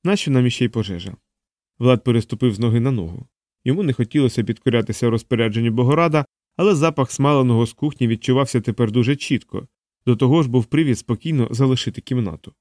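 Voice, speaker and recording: A man's voice: mid-range voice, warm tone, no room sound. Man narrating an audiobook, dry sound. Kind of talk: scripted narration.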